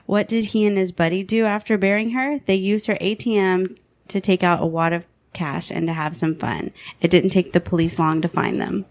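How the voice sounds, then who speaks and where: A woman co-hosting a podcast, reading out a countdown of creepy legends in a steady, measured tone. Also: on the low side, no echo. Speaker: podcast co-host. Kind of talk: reading a countdown list aloud.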